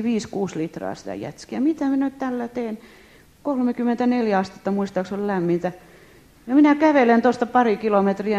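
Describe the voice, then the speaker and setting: A woman giving a spoken testimony to an audience, telling her story in a lively way and often addressing her listeners directly. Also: a little high, highs cut off.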